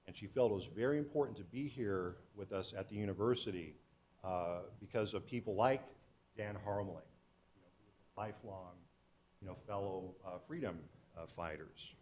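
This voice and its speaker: A middle-aged man with a fairly low voice speaks to an audience as a historian and author. His delivery is earnest and storytelling, and he often restarts his phrases as he recounts events. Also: fairly quick, a little mellow, slight background noise. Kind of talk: public talk to an audience.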